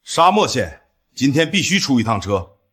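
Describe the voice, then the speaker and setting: An actor playing a greedy, domineering trucking boss who yells insults at his workers. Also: medium pitch, sing-song, normal speed. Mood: bossy. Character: greedy bullying trucking boss, middle-aged man. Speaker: company boss.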